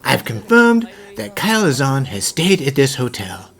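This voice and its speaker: Man acting a gentlemanly professor with sweeping intonation. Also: mid-range voice, big pitch swings, faint music behind. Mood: grave. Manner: composed, formal, measured explanations. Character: gentlemanly puzzle-solving professor, thoughtful, devoted father. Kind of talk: animated fan dub acting.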